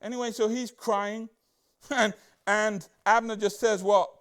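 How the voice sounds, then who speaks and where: A man preaching a casual Bible-study sermon as a church pastor, chatty and excitable, full of rhetorical questions and asides. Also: high-pitched, a little slow, clean tone.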